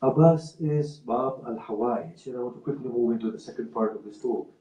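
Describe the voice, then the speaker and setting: A man giving a sermon, speaking in a measured, slow and emphatic way and telling a story. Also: mid-range voice, dark tone. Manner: measured, slow emphatic delivery with rising passion in quotes. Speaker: religious speaker. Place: community centre hall. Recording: roomy hall from far off.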